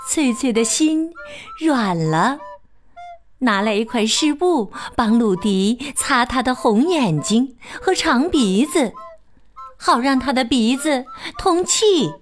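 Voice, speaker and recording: Slow, high-voiced woman storyteller. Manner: slow, expressive and sing-song. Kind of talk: children's picture-book read-aloud.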